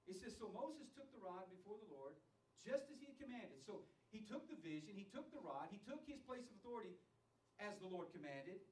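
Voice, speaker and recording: A man's voice: high-pitched, very animated, brisk, darkish tone, recorded from a distance. A man teaching a sermon-style lecture to leaders, emphatic and asking the room direct questions. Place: training center classroom. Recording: echoey room, voice from off the mic.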